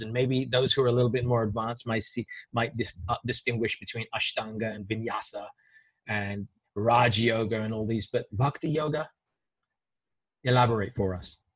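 An enthusiastic man hosts a casual interview, talking warmly and loosely with plenty of "you know" fillers. His voice sits in an ordinary middle range with a breathy, husky edge. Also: mid-range voice, dry recording. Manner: enthusiastic, chatty, many fillers. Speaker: podcast host.

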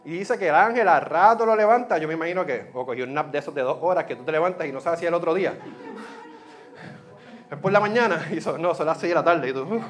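Pastor guy preaching, kinda high voice, chatty and animated, some english mixed in. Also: fast, faint music behind. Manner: animated, conversational preaching mixing in English words. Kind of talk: sermon.

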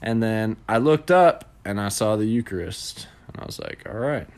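A man's voice: lowish voice, animated, normal speed, creaky, a little mellow, slight background noise. A young man co-hosting a podcast, chatting in an easygoing way and laughing often. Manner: easygoing, laughing, many fillers. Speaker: podcast co-host. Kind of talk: casual chat.

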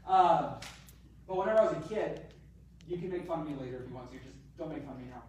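A man's voice: a little high, expressive, fast talker, a little mellow, a little hiss or hum. A male pastor delivering a chatty sermon, repeating phrases for emphasis and joking about himself. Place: church sanctuary. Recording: very echoey room from far off, faint ambience.

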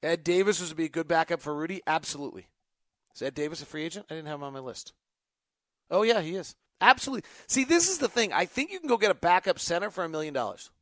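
On a quick, sing-song delivery, a man with a higher-pitched, somewhat bright voice speaks in studio-quality audio without echo. Hosting an unscripted sports podcast, he answers fan questions about basketball, his thoughts spilling out in choppy, emphatic fragments.

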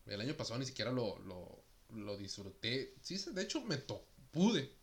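A man's voice: medium pitch, very animated, normal speed, gravelly. A young man in his twenties from Mexico, chatting casually and jokingly, then reading a news item aloud, with many fillers. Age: 20s.

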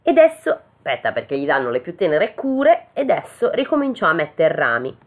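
The recording is tinny and phone-like as a woman with a low-pitched, very animated voice reads a fairy tale slowly. She breaks off for joking comments, making it a relaxed read-aloud with chatty asides.

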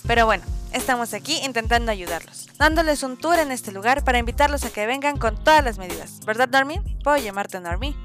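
A woman's voice: fairly high pitch, lively intonation, fairly quick, few pauses, fairly bright tone, faint music behind. A woman playing a chirpy, tactless young vlogger in an audio drama, gushing and patronizing. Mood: chirpy, nosy. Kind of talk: vlog presenting in audio drama.

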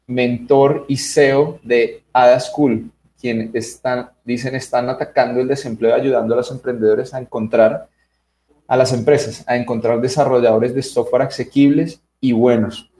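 A man's voice: medium pitch, fairly even intonation, moderate pace, warm tone, reverberant. A man with a Colombian accent hosting a radio interview and introducing a guest conversationally. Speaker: radio show host.

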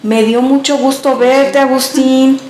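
A woman's voice: high-pitched, little pitch movement, unhurried, a little mellow, a little hiss or hum. A woman with a Mexican accent repeating the words of a friendly elderly man in a story, in an echoey room. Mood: cheerful. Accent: Mexican Spanish.

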